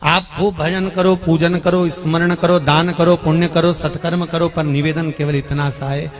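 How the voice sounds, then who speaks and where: A man giving a devotional sermon, telling stories and acting out the gods' words, his voice swinging between loud and soft. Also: a little high, flat delivery, moderate pace. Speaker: kathavachak preacher.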